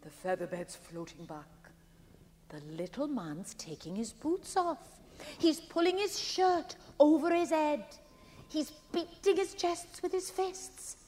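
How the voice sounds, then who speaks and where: A dark, breathy fortune-teller. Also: female voice, sits high, expressive, slow, long reverb tail. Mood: excited. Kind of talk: radio play acting.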